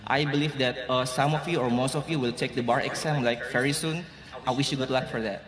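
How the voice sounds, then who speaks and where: A man's voice: medium pitch, fairly even intonation, fairly quick, heavy background noise. A man with an Indonesian accent, giving an earnest, grateful commencement speech with light humor in a large hall. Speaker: graduation speaker. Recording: echoey hall with crowd.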